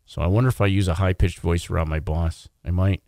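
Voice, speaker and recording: A man co-hosting a radio morning show, chatting casually in a quick, joking, self-deprecating way. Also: low-pitched, steady tone, mellow, no room sound, studio quality.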